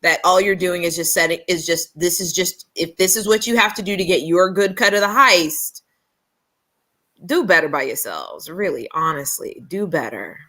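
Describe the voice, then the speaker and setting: A woman co-host with a bright, ringing voice talks in blunt, emphatic bursts. Her casual podcast chat has a sarcastic edge, and she hammers her points home. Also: on the low side, animated, normal speed.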